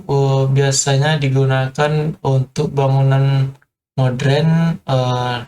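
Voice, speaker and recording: Flat-voiced man explaining building materials. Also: mid-range voice, a little hiss or hum. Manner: hesitant, frequent filler sounds, addresses viewers as friends. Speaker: construction explainer. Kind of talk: informal tutorial.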